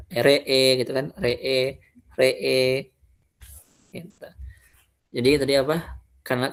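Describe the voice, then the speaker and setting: A man teaching Quran recitation in a casual lesson, explaining rules and then slowly reciting example words in a drawn-out way. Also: medium pitch, gravelly.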